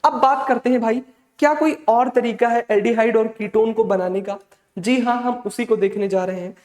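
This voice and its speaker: In an online exam-prep chemistry lecture, a man with a very high-pitched voice speaks at normal speed with fairly even intonation. He's fatherly and motivating, calls students "beta," and repeats the key points many times; the room echoes with long reverb.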